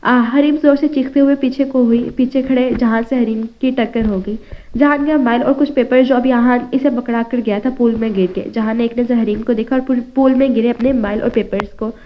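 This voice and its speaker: Woman narrator, fairly high voice, steady storytelling delivery. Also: a little fast. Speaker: novel narrator. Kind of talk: scripted audio novel narration. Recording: slightly dull lo-fi audio.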